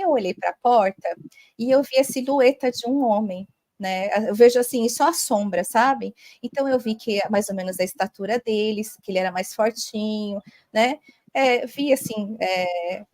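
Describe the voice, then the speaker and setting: A woman's voice: fairly high pitch, a little mellow, dry recording. A woman, a holistic therapist, telling a long personal story as a podcast guest, chatty and full of tag questions.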